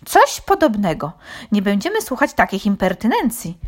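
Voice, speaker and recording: A woman's voice: lowish voice, animated, slow pace. A woman voicing a flock of easily offended hens in a children's story. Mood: indignant. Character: touchy, indignant flock of hens.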